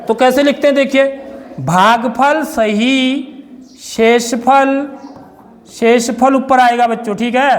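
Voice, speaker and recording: A man's voice: very high-pitched, in a large hall. A male teacher, giving a maths lesson to children in a classroom and often asking them questions. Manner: questioning, repeats "theek hai" often; stern with inattentive children.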